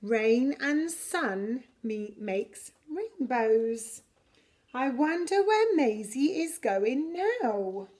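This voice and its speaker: Indoors in a preschool classroom, a middle-aged woman with a high-pitched voice reads a picture book to young children. Her delivery is slow, deliberate, and expressive, pitched for little ones, and the camera capturing her sits a short distance away.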